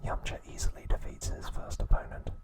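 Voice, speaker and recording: Soft and measured, a man hosting an ASMR channel whispers his way through a recap in short phrases, the breathy sound never becoming voiced.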